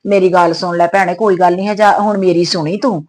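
A woman's voice: on the low side, fairly even intonation, fast, a crowd in the background, lightly acted. Woman playing a pleading humble tenant. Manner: pleading, submissive. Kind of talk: skit acting.

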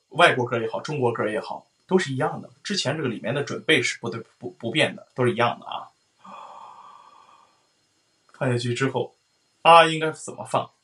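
A man teaching a singing lesson, explaining resonance and singing vowels aloud to show it. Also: mid-range voice. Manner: explains then sings vowels, loud sung demonstrations.

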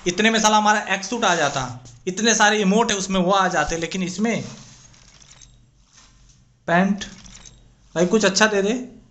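A man's voice: sits high, measured pace, pauses often, fairly bright tone. A young man, commentating his own crate opening in a mobile game, frustrated and swearing and pleading with the game. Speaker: gaming YouTuber.

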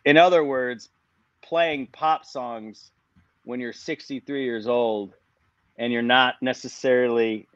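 A man's voice: medium pitch, steady tone, slow, a bit bright, dry recording. A man in his forties speaks as a musician guest on a podcast, thoughtful and meandering, often restarting his sentences. The audio is dry and a bit dull and lo-fi, with no room sound at all. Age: 40s. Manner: reflective, rambling with restarts. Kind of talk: casual podcast conversation.

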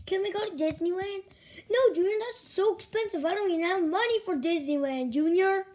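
A woman's voice: very high-pitched, fairly quick, a little mellow, a little hiss or hum. A woman voicing a grumpy adult male cook who sternly refuses a spoiled boy in a home toy skit.

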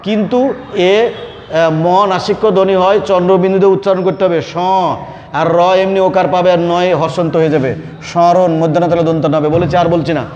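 A man's voice: high voice, fairly even intonation, brisk, a little mellow, big-room sound, muffled recording. A man teaching an online grammar lesson, explaining step by step and repeating key words. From Bangladesh.

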